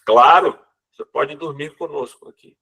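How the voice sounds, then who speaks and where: A man voicing a kind old bishop who welcomes a stranger warmly and firmly. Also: fairly high pitch, normal speed, breathy edge, far from the mic, full character voice. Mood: welcoming. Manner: warm, hospitable, firm.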